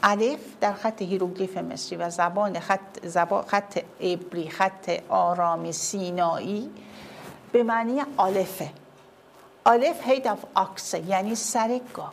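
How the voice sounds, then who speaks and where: A woman's voice: mid-range voice, vocal fry, a little hiss or hum. Woman lecturing, checking understanding. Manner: asks listeners often if they follow. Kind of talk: classroom lecture with slides. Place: classroom.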